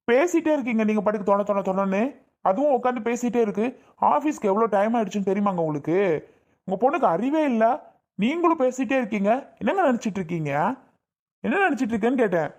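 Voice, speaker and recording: A woman's voice: mid-range voice, darkish tone, close to an everyday voice. A woman playing an irritable young husband, complaining, ranting, family skit. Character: grumpy hungry young husband.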